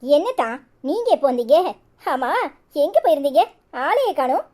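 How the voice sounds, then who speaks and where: A quarrelsome young village wife, played by a woman, in a cartoon, scolding and sarcastic with a Kanyakumari Tamil accent. Her voice sits high and leaps up and down as she nags. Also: big pitch swings, moderate pace, a little mellow, slight background noise. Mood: angry. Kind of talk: cartoon voice acting.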